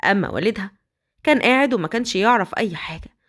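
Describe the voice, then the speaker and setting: A woman with an Egyptian accent narrating a dramatic story in an expressive way. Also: medium pitch, racing. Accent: Egyptian Arabic.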